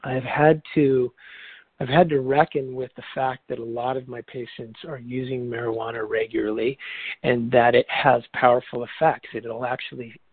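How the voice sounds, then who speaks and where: Brief: forty-nine-year-old man, husky, reflective and halting, dry phone-line sound. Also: mid-range voice, level tone, no room sound. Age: 40s. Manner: reflective, halting, many restarts and fillers. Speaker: yoga teacher and Ayurvedic doctor. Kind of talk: interview answers.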